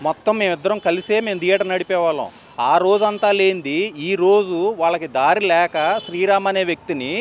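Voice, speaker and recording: Speaking to the press in a high voice, a young Andhra Telugu-accented theater owner sounds agitated and pleading and keeps going back over his points. A little background noise can be heard.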